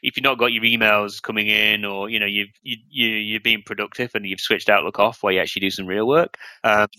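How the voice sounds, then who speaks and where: Bright-voiced man chatting about software. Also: on the low side, steady tone, brisk, no echo. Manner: rambling, many restarts and fillers. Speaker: podcast co-host. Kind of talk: casual tech podcast chat.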